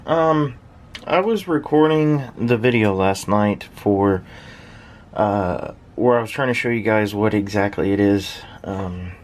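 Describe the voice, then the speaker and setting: A hobbyist shortwave listener shows off his own station from a small uninsulated shed with a workbench. His voice is on the low side and slow, and he rambles hesitantly, thinking aloud in a casual, unscripted demonstration.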